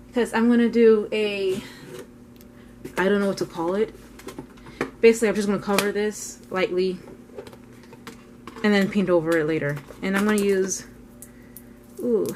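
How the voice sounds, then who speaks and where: A woman's voice: mid-range voice, moderate pace, long pauses, a little mellow, a little hiss or hum. A woman vlogging as she paints, chatting casually and thinking aloud in a rambling way. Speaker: art vlogger. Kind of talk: casual narration while painting.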